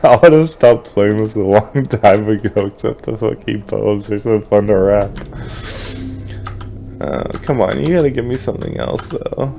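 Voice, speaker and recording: A man's voice: lowish voice, unhurried, creaky, music in the background. A man giving casual let's play commentary on a horror game, swearing offhandedly and reading game notes aloud in a mock-dramatic voice. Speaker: gamer playing a horror game.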